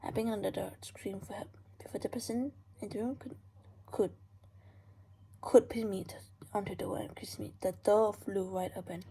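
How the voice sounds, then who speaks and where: Softly whispering woman reading her story. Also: medium pitch, fairly even intonation, normal speed, low-quality recording. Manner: hushed, breathy whisper, stumbling and restarting. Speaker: amateur story writer reading her own story.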